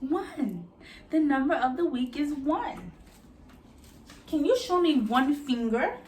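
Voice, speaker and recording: A woman's voice: sits high, sing-song, slow, darkish tone. A woman teaching young children like a kids show host, with an exaggerated, encouraging manner and simple questions. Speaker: preschool teacher leading circle time. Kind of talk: children's educational lesson, asking questions to young viewers. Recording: roomy echo, distant mic, faint noise.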